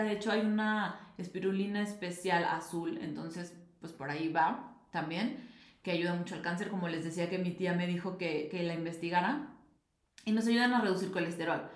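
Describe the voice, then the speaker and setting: Chatty woman in an echoey room. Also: on the low side. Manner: chatty, animated, many fillers. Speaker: podcast host. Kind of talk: casual nutrition talk.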